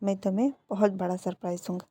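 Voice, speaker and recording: A devoted young man in love, teasing and insistent, put on by a woman. He pleads playfully in a warm, mellow voice, close and dry. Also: medium pitch, fairly even intonation, fast, husky, dry recording, lightly acted.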